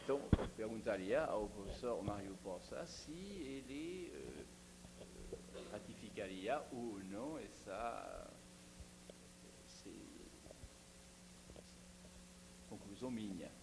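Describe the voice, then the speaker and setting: A man from the audience asking a long, careful question at an academic seminar, with many pauses and fillers. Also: fairly low pitch, sing-song, creaky, background noise. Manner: slow, deliberate, with frequent hesitations. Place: seminar hall.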